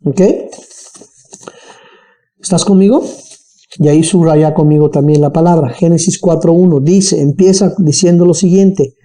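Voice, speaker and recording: A Bible teacher with a Bolivian highland accent, giving an animated Bible study lesson and checking in with listeners often. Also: measured pace, long pauses. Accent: Bolivian highland (colla).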